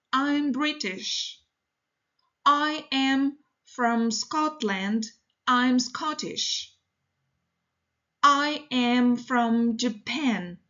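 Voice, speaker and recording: Woman English teacher with a high voice, reading example phrases slowly and steadily for learners. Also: a bit bright, lo-fi sound. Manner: slow, deliberate, evenly paced reading. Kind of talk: reading model sentences for learners.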